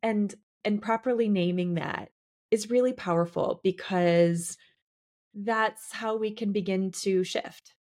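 A woman co-hosting a podcast and working as a coach, talking in a reflective, halting way with many fillers. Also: mid-range voice, darkish tone. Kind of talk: casual podcast conversation.

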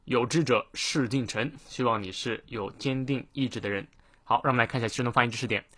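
A man hosting a short daily English lesson, explaining a quote word by word and slowing down to model its pronunciation. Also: mid-range voice, pushed and bright, slightly rough. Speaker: English teacher, host of a daily morning reading show.

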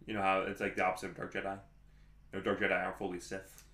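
A man's voice: deep voice, monotone, racing, bright, forceful tone, roomy sound. A man co-hosting a podcast in casual chat, rambling with many restarts and fillers. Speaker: podcast co-host.

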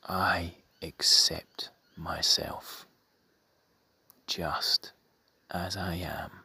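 This is a man's guided meditation, delivered in a soothing, breathy half-whisper with long pauses between measured phrases. The voice is low-pitched and the tone level, with no room sound at all.

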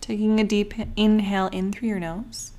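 A woman coaches a breathing meditation, soothing and unhurried, leaving long pauses while her breathy voice often fades toward a whisper. Her pitch is medium, her delivery flat, and her tone dark.

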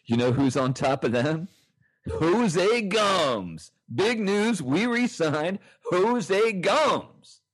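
A man co-hosting a casual podcast, talking excitedly so close to the mic that it clips and distorts. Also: high-pitched, drawn-out words. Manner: excited and loud, laughs a lot. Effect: clipping, distorted mic from being too close. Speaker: podcast co-host. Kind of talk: casual chat.

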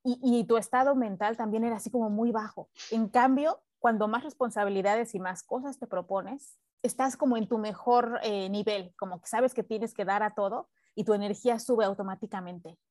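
A woman hosting a podcast, chatting in a lively way and asking her guest questions. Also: a little high, moderate pace, no room sound. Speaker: podcast host. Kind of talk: casual interview chat.

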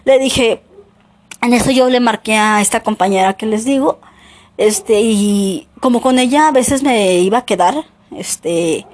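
A woman's voice: on the high side, measured pace, darkish tone. A young woman with a Mexican Spanish accent telling a personal story casually, rambling with many fillers and self-corrections.

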